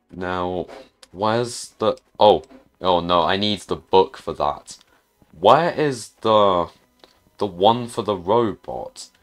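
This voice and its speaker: A man talks through a video game in a very low voice. He takes his time, hesitating and trailing off as he thinks aloud. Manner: hesitant, muttering to himself with restarts. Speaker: gaming YouTuber. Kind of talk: casual gameplay commentary.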